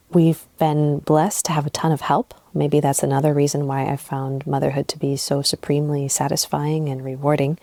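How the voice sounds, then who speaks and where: A woman in her thirties from Southern California hosting an unscripted solo podcast, soft-spoken and reflective, a little sleep deprived, speaking into old earbud headphones while sitting on her bed. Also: low voice, fairly even intonation, normal speed, no room sound. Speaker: podcast host and relationship coach. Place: bedroom, recording on her bed. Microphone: old wired earbud headphones mic.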